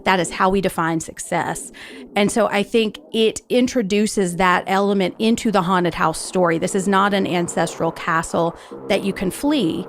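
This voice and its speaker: A woman's voice: mid-range voice, normal speed, slight background noise. Casual American woman giving commentary. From United States. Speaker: interview guest, commentator. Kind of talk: casual spoken analysis.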